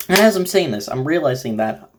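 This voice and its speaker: A woman's voice: deep voice, noisy background. A woman giving casual reaction commentary, rambling and self-mocking with running jokes. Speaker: reaction video host.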